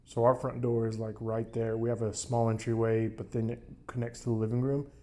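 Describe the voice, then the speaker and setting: A man's voice: medium pitch, flat delivery, a little fast, mellow. A man chatting casually to his vlog during a cold plunge, in a rambling way that repeats phrases for emphasis. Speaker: vlogger doing a cold plunge challenge.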